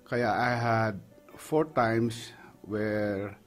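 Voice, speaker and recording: A man's voice: fairly low pitch, very slow, soft background music. A middle-aged Filipino man, a pastor, giving an earnest personal testimony in Tagalog mixed with English. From Philippines. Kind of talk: emotional testimony on a radio program.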